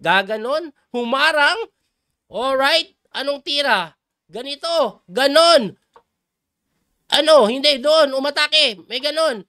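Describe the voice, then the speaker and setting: A middle-aged Filipino chess coach with a very high voice delivers excitable live commentary on a game at a slow pace, reacting loudly to every move.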